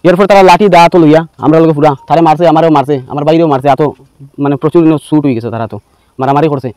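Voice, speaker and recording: A man tells his account at a breakneck pace, his voice mellow and darkly coloured. He rambles through the story, repeatedly quoting what each person said, in a plain village way of speaking. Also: on the high side, rapid-fire, clean tone, no room sound. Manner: rambling retelling full of quoted back-and-forth. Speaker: villager giving a statement. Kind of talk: spoken account to camera.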